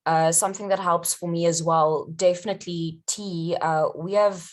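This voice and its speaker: A South African voiceover artist with a lowish, steady voice at a moderate pace shares practical tips on caring for your voice. She's part of a chatty panel discussion and punctuates her advice with little laughs.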